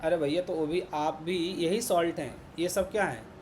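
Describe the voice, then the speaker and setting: A man with an Indian Hindi accent teaches a room of students, speaking in a fairly high voice. He repeats himself often and keeps asking whether everyone follows. A faint hiss sits under the recording. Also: fairly even intonation, normal speed, a little mellow. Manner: repetitive, checks in with "ठीक है ना" constantly. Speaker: programming teacher. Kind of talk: classroom lecture. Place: classroom with students.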